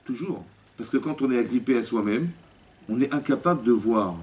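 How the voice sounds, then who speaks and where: A male rabbi giving a spoken religious lesson to a women's class, lively, often asking the listeners questions and acting out dialogue. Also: mid-range voice, normal speed. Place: community hall classroom. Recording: distant mic with faint background noise.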